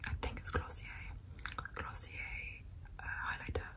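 A woman in her twenties doing a whispered role-play for ASMR, close to the mic, in a fast, repetitive manner. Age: 20s. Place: small dim indoor room.

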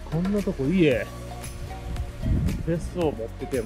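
A man in his thirties with a Kansai accent, chatting casually to an action camera outdoors while riding a bicycle, talking in short bursts with pauses. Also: fairly high pitch, lively intonation, music in the background. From Kansai, Japan. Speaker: vlogger. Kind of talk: casual outdoor vlog chat. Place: outdoors in rural hills, on a moving bicycle. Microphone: action camera held at arm's length.

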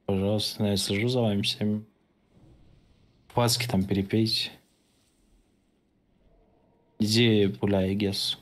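Over slightly noisy voice chat, a man with a fairly low, level voice calls out instructions for an online game raid, a little slow and with long pauses. He's blunt, bossy and profane, talking casually into an online voice-chat microphone.

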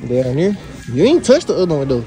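A young man in his twenties vlogging while shopping in a supermarket, teasing and swearing, with sudden loud bursts. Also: a little high, sing-song, quick pace, over music. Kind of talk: casual vlog banter. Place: large supermarket, indoors. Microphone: handheld camera.

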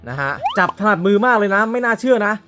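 A man's voice: high-pitched, animated, fast, a bit bright, faint music behind. A man hosting a casual toy review vlog, chatting straight to his viewers and adding playful sound effects.

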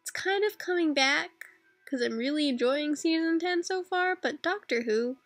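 A woman's voice: high-pitched, lively intonation, normal speed, no room sound, faint music behind. A woman in her twenties with a Canadian accent, chatting casually and answering questions in a rambling, self-deprecating way with dry asides. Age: 20s. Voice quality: creaky. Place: dark bedroom at night, lying on a bed.

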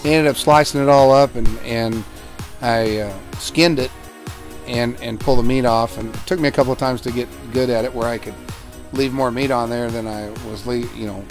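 A man's voice: mid-range voice, steady tone, moderate pace. A man, casually narrating a sailing trip in a rambling, drawling way. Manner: drawling, rambling, exclaims "golly". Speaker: sailing vlogger, dad. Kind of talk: casual narration and boat chatter. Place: outdoors on a sailboat deck at sea. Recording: music playing under the voice.

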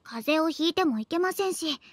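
High-voiced teasing girl's pillow talk. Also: expressive, fairly quick, no echo. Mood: coaxing, insistent. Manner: sweet, coaxing pillow talk with whispered asides. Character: teasing, clingy, scheming younger schoolgirl in love. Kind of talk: intimate pillow talk, audio drama role-play.

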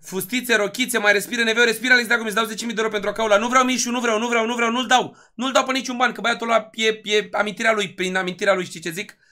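A man's voice: sits high, hardly any pauses. Hyped young man streaming games. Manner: loud, excitable, shouts at donations and wins, talks to chat. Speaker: gaming livestreamer. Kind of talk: hyped livestream commentary.

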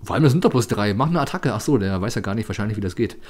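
Lively joking game commentator, a man. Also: on the low side, racing. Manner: joking, chatty asides. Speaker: let's play host.

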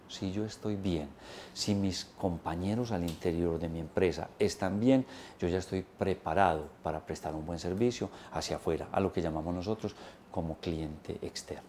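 A man's voice: low-pitched, dark tone, a little hiss or hum. A man in his thirties, a business coach giving an emphatic instructional talk to camera on a lapel mic in an indoor studio. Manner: emphatic, gesturing with both hands, listing points.

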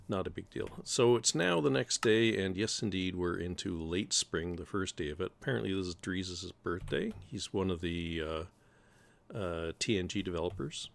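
A man's voice: low-pitched, creaky. A middle-aged man hosting casual let's-play commentary, rambling and thinking aloud at his desk mic with dry humor. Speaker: gaming channel host.

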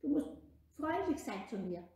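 A woman voicing a kind, patient old bishop in a children's story, coaxing and gentle. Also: sits high, big pitch swings, normal speed, pitched above the performer's own voice. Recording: echoey room.

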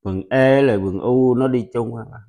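A man whose first language is Vietnamese, patiently teaching a pronunciation lesson and repeating example words loudly. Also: mid-range voice, brisk. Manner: patient, instructive.

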